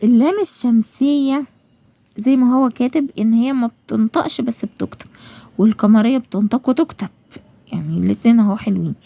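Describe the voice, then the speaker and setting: High-voiced Egyptian woman teaching a lesson. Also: brisk, vocal fry, warm tone, dry recording. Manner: asks and answers her own questions, stretching out example words. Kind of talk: school lesson explanation.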